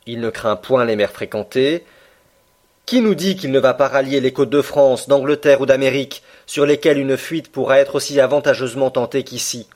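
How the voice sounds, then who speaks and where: A man voicing a thoughtful middle-aged naturalist professor in an audiobook reading, laying out arguments in a measured way. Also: medium pitch, lightly acted.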